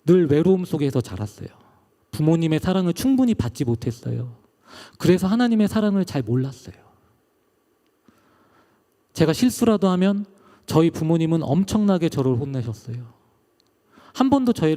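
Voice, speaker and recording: A man's voice: on the high side, mellow, long reverb tail. A middle-aged male pastor giving an emotional testimony sermon, his delivery rising and falling.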